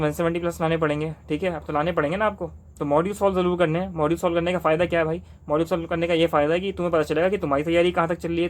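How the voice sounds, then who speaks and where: A young adult man from Delhi, with a fairly high voice, gives exam study advice to camera. His casual talk is fast and insistent, repeating points and posing rhetorical questions.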